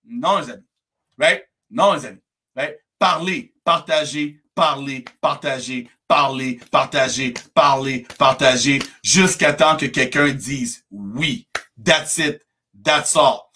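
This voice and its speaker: A man's voice: mid-range voice, slow, sharp tone, husky. A man gives a motivational live-stream talk to his network marketing team. He talks emphatically, repeats himself for emphasis, and keeps tagging his sentences with an English "right?".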